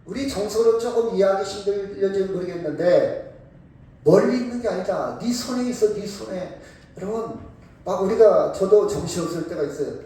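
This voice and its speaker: A man preaching a sermon as a pastor, emphatic, moving between calm explanation and sudden shouts, and asking the congregation questions. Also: high voice, moderate pace. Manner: asks the congregation questions and calls on members by title. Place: church sanctuary. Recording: very echoey church from a distant mic.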